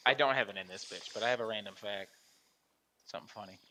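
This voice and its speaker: A man's voice: fairly low pitch, quick pace, sharp tone, a little hiss or hum. A man hosting a casual podcast with friends, laid-back and joking. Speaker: podcast host. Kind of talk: casual group chat on a voice call.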